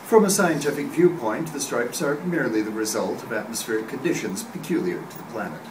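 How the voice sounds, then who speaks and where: A man acts out a measured, skeptical astronomy professor in a 1930s radio play. He has a medium-pitched voice and answers formally. The sound is distant and very echoey. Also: lively intonation, close to an everyday voice. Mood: measured, dismissive. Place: hotel meeting room at a convention panel. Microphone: camera across the room. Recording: echoey noisy room, distant camera mic.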